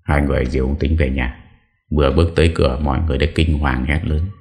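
A man narrating a horror audiobook in a steady, dramatic way. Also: a bass voice, fast. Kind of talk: scripted horror story narration.

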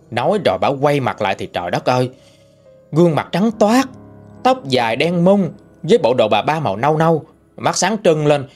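A man telling a ghost story in a colloquial, lively way. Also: mid-range voice. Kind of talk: spoken ghost story narration.

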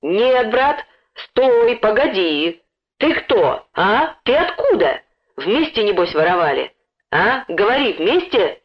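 A woman reader voicing a stout, red-cheeked woman who yells in a shrill, piercing voice and accuses loudly, on a dull lo-fi recording. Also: very animated, unhurried, breathy edge. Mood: accusing. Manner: bellowing, accusing.

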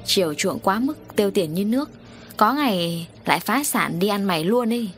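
A woman voicing a gruff scolding harbor boss. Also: medium pitch, animated, moderate pace, soft background music, close to an everyday voice. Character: stern middle-aged man, harbor boss.

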